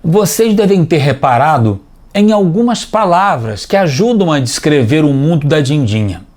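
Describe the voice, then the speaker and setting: A man teaching a scripted TV language lesson for children, explaining clearly and patiently, step by step. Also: fairly high pitch, big pitch swings, normal speed, darkish tone, faint music behind.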